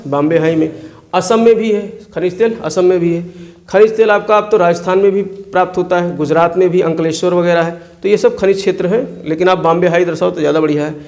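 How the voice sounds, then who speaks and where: High-voiced teacher drilling map answers. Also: male voice, darkish tone. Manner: asks questions and answers them himself; repeats key place names for drilling. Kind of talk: map-work exam lesson.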